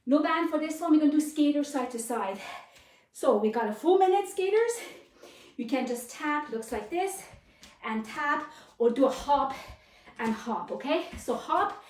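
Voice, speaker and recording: Her voice sits high and sounds a little mellow, unhurried but lively in intonation, as she runs a live workout class. This fitness instructor keeps up encouraging urging, short commands and counts. The sound is roomy and echoey, captured from a distant mic.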